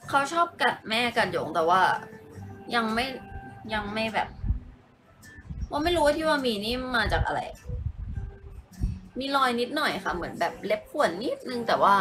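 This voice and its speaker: A woman's voice: a little high, sing-song, normal speed, pauses often, bright, forceful tone, soft background music. A young woman chatting casually on a home live stream, giggling often and answering viewers as she reads their comments.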